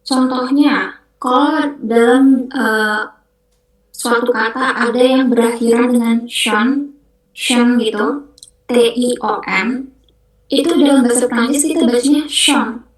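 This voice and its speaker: A young woman teaching a beginner online language class, explaining slowly and patiently and repeating each word carefully. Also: on the high side, steady tone, roomy sound, rough recording. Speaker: French language mentor.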